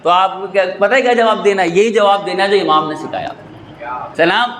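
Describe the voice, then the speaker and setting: A male cleric giving an impassioned religious sermon, arguing rhetorically and rising to shouts, into a microphone in a mosque prayer hall. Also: high voice. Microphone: stand microphone.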